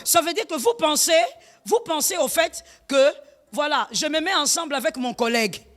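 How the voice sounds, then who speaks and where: A woman pastor, preaching an emphatic sermon full of rhetorical questions, slipping in Lingala phrases and shouting at the high points. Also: lively intonation, moderate pace, long reverb tail.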